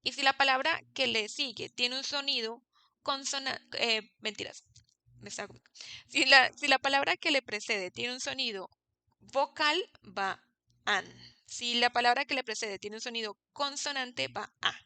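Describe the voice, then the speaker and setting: Young woman, english teacher, very bright voice, slightly high, dry close recording, patient, keeps checking in. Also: moderate pace, clean tone, no room sound. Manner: patient, checks understanding with frequent "¿sí?". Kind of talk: recorded online class.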